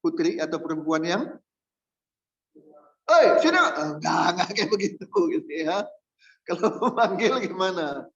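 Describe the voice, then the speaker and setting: Lively Indonesian pastor preaching with humor. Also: male voice, on the high side, normal speed, dull audio. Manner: humorous, lively, acts out quoted voices. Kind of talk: sermon.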